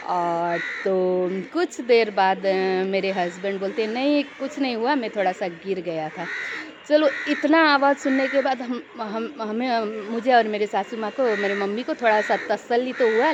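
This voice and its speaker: A young woman telling a story in a casual vlog, rambling and repeating herself, growing tense as she recalls a scare. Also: medium pitch. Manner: rambling, repeats and restarts phrases. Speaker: vlogger. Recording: dull lo-fi recording with loud background noise and crows.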